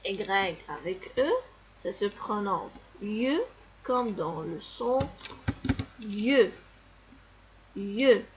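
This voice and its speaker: Slow, patient woman teaching reading. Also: mid-range voice, lively intonation, highs cut off, background noise. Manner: slow, patient, repeats sounds and words for pupils. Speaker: primary school teacher. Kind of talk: reading lesson for young children.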